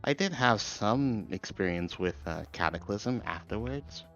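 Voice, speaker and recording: Male podcast guest, lower register, understated, hesitant conversational delivery, music bed underneath. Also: lively intonation, measured pace, fairly bright tone, muffled recording. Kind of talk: casual chat about online games. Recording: music behind the voice.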